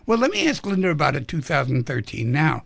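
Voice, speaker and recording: A man's voice: on the high side, wildly swooping pitch, fast, gravelly, fairly bright tone, no room sound. A man hosting a radio talk show, chatty and rambling, asking guests lots of questions. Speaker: radio host. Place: radio studio.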